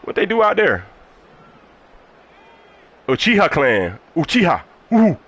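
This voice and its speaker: A man's voice: sits high, huge pitch swings, slow pace, fairly bright tone, husky. Man trash-talking on a live game stream. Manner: heated, mocking, repeats taunts. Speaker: gaming streamer.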